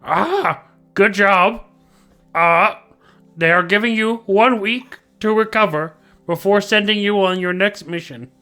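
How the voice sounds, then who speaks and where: A man's voice: sits high, a little slow, bright, forceful tone, soft background music, voice pushed up, exaggerated voice. A man squawking as a strained messenger crow. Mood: announcing.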